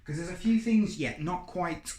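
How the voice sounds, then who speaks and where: A man's voice: high voice, moderate pace. A man with an English accent, chatting and joking as he walks viewers around a campsite, recorded outdoors on a handheld camera. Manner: chatty, jokey guide. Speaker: campsite reviewer. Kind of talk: walking tour vlog. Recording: loud outdoor noise.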